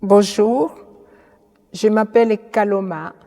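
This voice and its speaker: An older woman from Congo giving a slow, earnest personal testimony. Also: mid-range voice, creaky, dark tone, in a large hall. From Congo (DRC).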